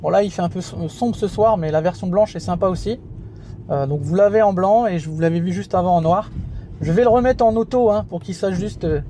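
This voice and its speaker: A high-voiced man talks casually through a product review while sitting in his car. His delivery is loose and chatty, dotted with fillers. Faint car noise hums behind him. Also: a little fast, warm tone. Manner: chatty, many fillers and "hein". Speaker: car video host. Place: inside a car, driving.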